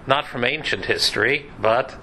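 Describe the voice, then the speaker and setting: A man's voice: mid-range voice, moderate pace, sharp tone, slight background noise, rough recording. A man giving a conversational Bible class lecture, chatty and sprinkled with dry joking asides. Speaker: Bible teacher.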